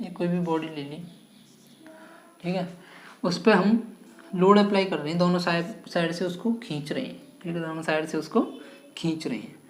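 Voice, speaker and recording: A woman. She repeats each key term several times and keeps asking quick questions to check along. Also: fairly low pitch, steady tone. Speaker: physics teacher. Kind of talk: classroom-style physics lesson.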